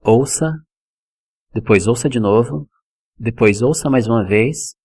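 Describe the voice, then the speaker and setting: A Brazilian man teaches English pronunciation in a video lesson, explaining patiently and repeating each word slowly so learners can copy it. His voice is medium-pitched and darkish, with a breathy edge.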